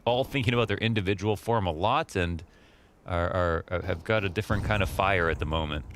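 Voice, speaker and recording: A man's voice: deep voice, brisk, a little hiss or hum. A man giving esports color commentary, thoughtful and hesitant, with many fillers. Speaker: analyst commentator. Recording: game sounds and gunfire behind.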